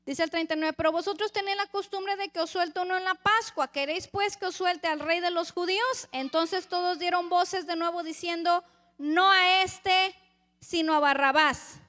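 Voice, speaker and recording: A woman's voice: very high voice, fairly even intonation, fairly quick, hardly any pauses, fairly bright tone. A woman preacher giving a sermon, reading scripture aloud and calling the congregation brothers. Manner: acts out crowd voices.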